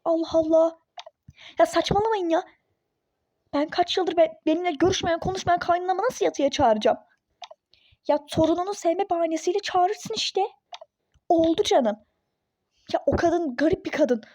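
A woman's voice: extremely high pitch, moderate pace, long pauses, darkish tone, no room sound. A woman voicing an irritable, skeptical young pregnant mother in a phone-game role-play story, snappish and sarcastic. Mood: exasperated.

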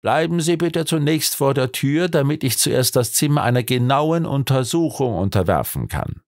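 A man voicing a sharp, energetic detective who talks in a brisk, commanding way. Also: mid-range voice, no echo, clean studio sound, pitched above the performer's own voice, lightly acted.

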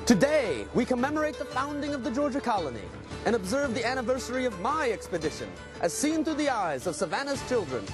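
A man's voice: extremely high pitch, sing-song, quick pace. A young man playing a proud historic Spanish explorer, with a grand, theatrical, declamatory delivery as a TV presenter. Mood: proud, proclaiming. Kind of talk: costumed scripted presenter for broadcast. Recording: loud music bed.

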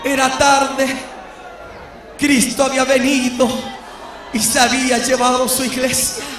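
A man preaching a shouted sermon testimony, calling his listeners beloved brother, in a church hall. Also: very high voice, monotone, unhurried, crowd noise. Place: church hall before a congregation. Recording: echoey hall, mic at a distance.

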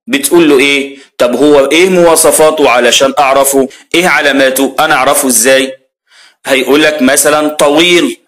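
A fairly high-voiced man with an Egyptian accent teaches grammar to young children. He keeps asking questions and answers each one himself, cheering his pupils on as he goes. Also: a bit bright. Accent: Egyptian Arabic. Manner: asks questions and answers them himself, addresses pupils as heroes. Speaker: primary school grammar teacher. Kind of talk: lively classroom explanation.

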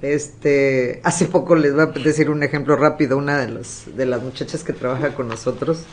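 A woman hosting a podcast in a casual, chatty storytelling manner, often pausing with fillers. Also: extremely low pitch, fairly even intonation, a little mellow. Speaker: podcast host. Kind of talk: casual chat.

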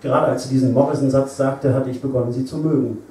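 A middle-aged man reading his own prose aloud in a wry, deadpan way, at a live reading in an echoey venue. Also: mid-range voice, fast, distant mic. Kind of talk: live literary reading, first-person narration.

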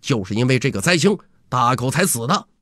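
A man voicing an angry mob of rough male prisoners, shouting in raised, strained voices. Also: mid-range voice, expressive, a little fast, dry recording, clean studio sound. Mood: furious.

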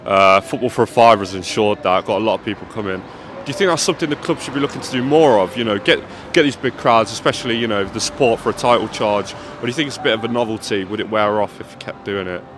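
A man's voice: fairly low pitch, fast. A young man interviewing football fans outdoors in a casual, chatty way, holding a handheld mic. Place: outdoors by a stadium car park. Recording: outdoor street noise.

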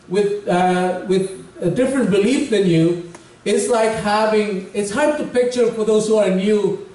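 A middle-aged male pastor delivers a conversational, humorous sermon from a church hall stage with large windows behind him. His voice is high-pitched and a little mellow. It sounds distant, and the hall echoes.

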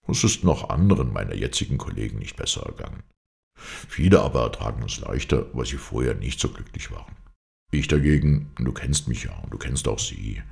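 A brooding, grief-struck man muses sadly on his fate in a hoarse voice, as a male reader gives him voice. The tone is extremely deep and gravelly, yet the pitch rises and falls widely. This is a storybook reading with a philosophical, mournful manner. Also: a little mellow, heavily acted. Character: melancholy, brooding man grieving his lost wife and son.

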